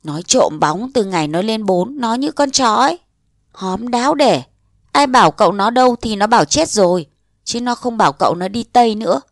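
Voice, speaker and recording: A woman narrating a short story aloud, expressive and voicing its characters. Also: a little high, normal speed, dry recording, clean studio sound. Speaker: story reader.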